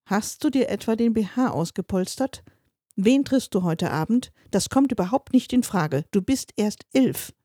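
A woman's voice: mid-range voice, animated, moderate pace, mellow, slightly rough, no room sound, studio quality. A woman reading a story aloud, voicing a stern, exasperated mother scolding her children.

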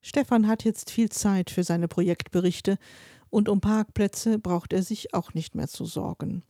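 A woman reading a dark short story aloud as its narrator, with expressive delivery that shifts pace with the tension. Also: mid-range voice, a little slow, no room sound, clean studio sound.

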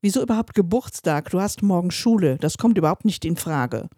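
A woman's voice: lowish voice, animated, brisk, warm tone, no room sound, clean studio sound. A woman reading a story aloud, voicing a grumpy, sarcastic middle-aged father who snaps at his family. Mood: snapping. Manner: gruff and snappish.

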